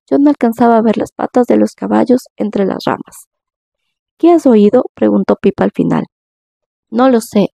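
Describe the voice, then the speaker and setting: A Latin American woman reads a fantasy audiobook aloud, taking every character's lines herself with only small changes of voice. Her voice sits fairly high, with a touch of gravel. It is recorded close and dry. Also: dark tone, no room sound. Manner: reads all characters in her own voice with slight shifts. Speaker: audiobook narrator. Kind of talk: audiobook narration.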